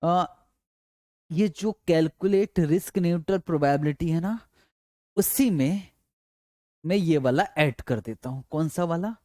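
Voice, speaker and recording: A man's voice: fairly high pitch, a little slow, pauses often, darkish tone, no room sound, studio quality. Man coaxing through a step-by-step lecture. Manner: explains step by step, asking and answering students' questions himself; repetitive, coaxing. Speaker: teacher. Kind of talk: classroom lecture.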